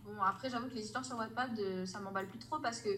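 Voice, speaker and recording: A woman's voice: mid-range voice, quick pace, bright, forceful tone, a little hiss or hum, low-quality recording. A woman author as a podcast guest, rambling casually and often stopping to search for names.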